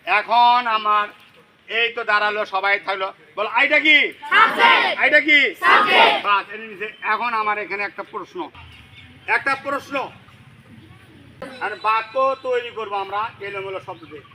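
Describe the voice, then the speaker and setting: A male English teacher drilling children in a classroom, loudly firing the same questions again and again in call-and-response. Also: high-pitched, moderate pace, pauses often. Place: busy classroom full of children. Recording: loud noisy crowd of children.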